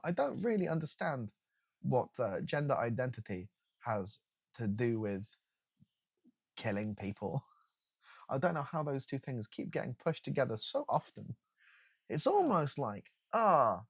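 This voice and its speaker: Husky sarcastic man commenting. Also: mid-range voice, no echo, clean studio sound. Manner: sarcastic, incredulous, swearing. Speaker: commentary video host. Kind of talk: reaction commentary.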